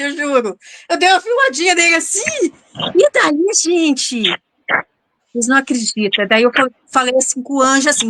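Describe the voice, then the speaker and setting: A woman hosting a show, telling a story to her audience in a dramatic, animated way and often turning to speak to them directly. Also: high voice, dry recording. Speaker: show host and interviewer.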